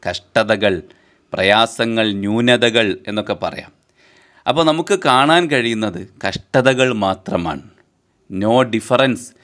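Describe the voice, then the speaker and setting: A man teaching a poem line by line, with a smooth, resonant voice and an unhurried pace. He draws each verse out when he recites it, then patiently explains every word and restates its meaning several times. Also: lowish voice, expressive, a bit bright.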